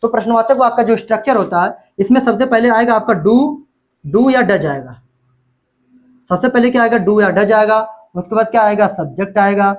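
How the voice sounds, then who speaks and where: A male teacher giving a classroom-style grammar lesson. He talks in a steady back-and-forth with himself, throwing out a question and then answering it, and repeats the key words. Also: high-pitched.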